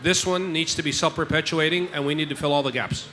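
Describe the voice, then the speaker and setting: A man's voice: a little high, fairly even intonation, fast talker, sharp tone. A man speaking as an investor on a panel, emphatic, repeating his points and checking in with the audience. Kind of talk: panel discussion. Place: stage in a large tent with an audience. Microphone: handheld mic.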